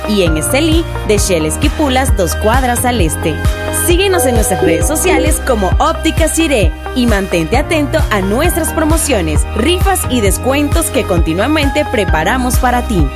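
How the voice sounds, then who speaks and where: A woman announcer with a high, animated voice reading a radio commercial. Loud jingle music plays under her the whole time. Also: moderate pace.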